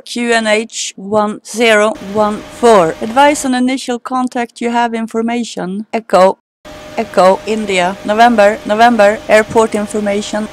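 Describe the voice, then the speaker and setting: A woman's voice on an automated airport weather broadcast, reading the report in slow, even, clipped phrases that loop and repeat. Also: mid-range voice, no echo, poor audio.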